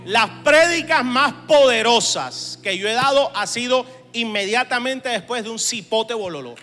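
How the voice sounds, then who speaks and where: A man pastor preaches to leaders, trading joking asides for shouted exhortations. His voice sits very high and sounds bright and forceful. The hall rings with long reverb over faint music. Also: animated, moderate pace. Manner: humorous, swings from chatty asides to shouted exhortation. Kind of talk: sermon to church leaders.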